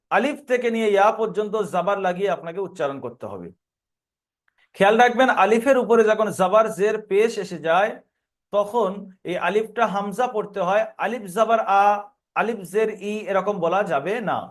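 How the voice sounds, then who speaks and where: A man teaching a Quran reading lesson, patiently spelling out letters and repeating the rules in a steady chant. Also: high-pitched. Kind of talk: recorded online lesson.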